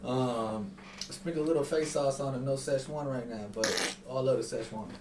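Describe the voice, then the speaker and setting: A man's voice: medium pitch, normal speed. Laid-back Los Angeles man, distant and echoey. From South Central Los Angeles. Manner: laid-back slang, calls people fool. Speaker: podcast co-host. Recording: echoey room, distant mic, crowd noise.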